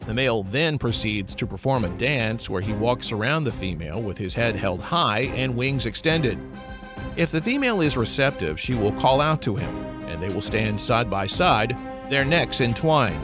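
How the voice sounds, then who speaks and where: A man's voice: mid-range voice, sing-song, normal speed. A man narrating a scripted nature documentary. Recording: music behind the voice. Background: background music.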